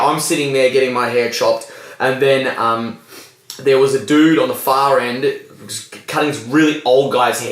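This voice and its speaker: A man's voice: mid-range voice, a bit bright. Chatty, sweary man in mid-range voice, echoey room. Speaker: podcast co-host. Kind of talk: casual chat, storytelling. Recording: echoey lo-fi podcast audio.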